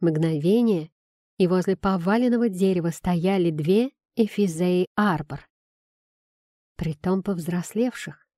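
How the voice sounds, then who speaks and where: A woman reading a first-person fantasy audiobook in an expressive storytelling manner. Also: fairly low pitch, unhurried, no room sound, studio quality. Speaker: audiobook narrator.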